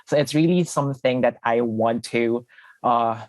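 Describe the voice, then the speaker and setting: A man's voice: medium pitch, measured pace, no echo. Earnest man on a dry video call. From Philippines. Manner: earnest, with frequent fillers and restarts. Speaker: podcast guest, co-producer. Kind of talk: casual interview talk.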